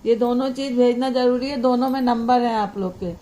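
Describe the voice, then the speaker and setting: A woman teacher giving an online class lesson to young children, slowly and deliberately spelling out example words one by one. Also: on the high side, fairly even intonation, warm tone, muffled recording.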